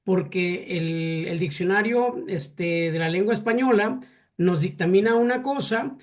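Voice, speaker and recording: A man's voice: high voice, a little slow. A man with a Mexican accent teaching a classroom lesson, stopping often to restart words and quizzing his students. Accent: Mexican Spanish.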